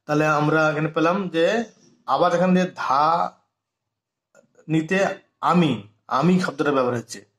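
A man's voice: a little high, measured pace, pauses often, a bit bright. A man teaching a harmonium lesson on reading notation, explaining step by step and stopping to sing short phrases and count out beats. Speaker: music teacher.

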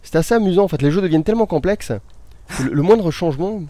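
A man's voice: high-pitched, lively intonation, fast talker, mellow, no echo. A man giving casual, jokey commentary while he plays a video game, talking straight to his viewers. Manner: chatty, jokey, addresses viewers directly. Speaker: let's play host.

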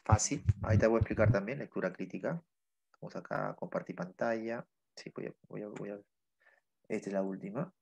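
A man's voice: on the low side, a little fast, creaky, darkish tone, slightly rough, lo-fi sound. A male teacher giving an online class through his laptop, explaining patiently and often checking in with the students. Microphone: laptop microphone.

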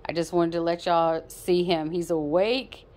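A woman's voice: on the low side, steady tone, unhurried, a little mellow. A woman casually vlogging her pet cat at home on a phone, playful and repetitive as she talks fondly to him.

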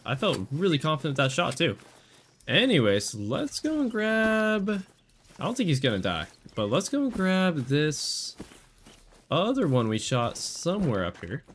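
A man giving casual, excitable commentary while he plays a hunting game, talking to himself as he lines up shots. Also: medium pitch, slight background noise. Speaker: gaming channel host.

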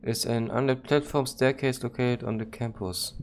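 A gaming YouTuber doing let's-play commentary, joking and talking back to the game, and haltingly reading English text aloud. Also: male voice, medium pitch, fairly even intonation. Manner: joking, talks to the game and its monster. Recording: loud background noise.

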